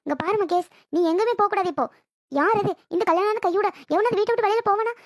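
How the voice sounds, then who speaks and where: A voice actor playing a sharp-tongued young bride in a homemade cartoon, speaking Tirunelveli Tamil. She taunts and orders people around. Her voice is very high and rattles along fast. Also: no echo, studio quality. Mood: scornful. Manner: taunting, bossy. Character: bossy new bride, sharp-tongued and rude. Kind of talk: cartoon voice acting.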